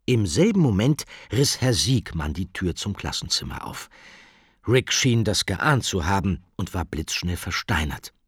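A man narrating a children's storybook in a lively, expressive reading style. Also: deep voice, a little slow, husky, no room sound, clean studio sound. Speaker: audiobook narrator.

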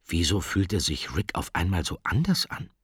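A man narrating a children's storybook in a lively, expressive reading style. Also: low voice, moderate pace, breathy edge, no room sound, studio quality. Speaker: audiobook narrator.

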